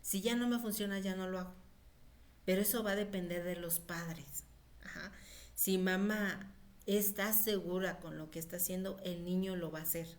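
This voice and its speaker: A woman with a fairly low voice and fairly even intonation speaks at normal speed, giving an informal lecture on pediatric nutrition. She's chatty and conversational, using many fillers and acting out quotes from mothers.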